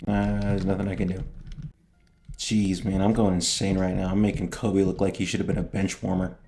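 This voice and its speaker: A young man giving casual, slangy gameplay commentary, joking and reacting out loud as he plays. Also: sits low, level tone, normal speed, soft background music. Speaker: gaming streamer.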